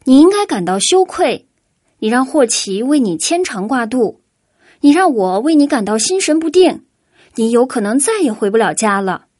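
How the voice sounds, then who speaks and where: Woman voicing an excitable man traveler, loud and eager. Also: on the high side, moderate pace, few pauses, no room sound, clean studio sound. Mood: excited.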